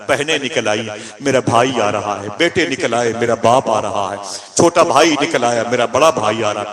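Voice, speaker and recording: Man preaching a dramatic sermon. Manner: dramatic, voices grief and quoted speech with rising pitch. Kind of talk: sermon storytelling.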